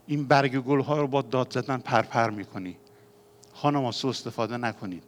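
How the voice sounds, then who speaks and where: A man preaching a sermon as pastor, moving between quiet confiding passages and loud, fervent exhortation. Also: medium pitch.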